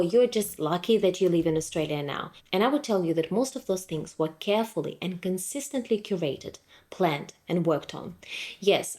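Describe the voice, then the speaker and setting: A woman from Ukraine in her thirties with a lowish voice delivers a scripted motivational talk. She speaks in a firm, direct and emphatic way. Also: darkish tone. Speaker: motivational vlogger.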